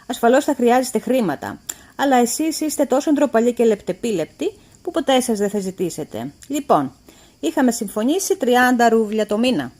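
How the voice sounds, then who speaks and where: Woman voicing a mocking male employer, loud and lecturing, higher-pitched and lively. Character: stingy, mocking male employer, middle-aged.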